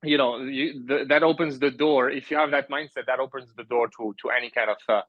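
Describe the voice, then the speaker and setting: A man's voice: mid-range voice, steady tone, a little fast, no room sound, highs cut off. A man in his thirties from France, a podcast guest talking casually about his life, rambling with many fillers and restarts and laughing often. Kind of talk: casual conversational interview. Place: remote call from an island at night.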